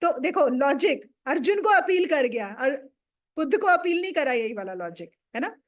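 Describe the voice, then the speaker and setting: Female teacher, high-pitched, chatty and explanatory, walks listeners through a sacred text. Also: sing-song, normal speed. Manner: explanatory, storytelling, mixes in English words. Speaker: spiritual teacher. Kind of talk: conversational scripture discourse.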